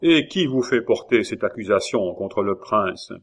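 A man voicing a sharp noble huntsman. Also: fairly low pitch, expressive, a little slow. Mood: challenging. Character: challenging noble male huntsman.

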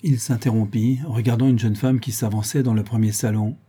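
A man narrating a novel as an audiobook in a measured, literary storytelling style. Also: mid-range voice, fairly even intonation, mellow, husky.

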